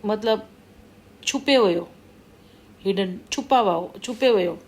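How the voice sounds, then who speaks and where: A middle-aged woman vlogger talks casually to camera in a monologue, rambling and scolding her viewers as she repeats her warnings. Her voice is medium-pitched and a little mellow, and she doesn't hurry.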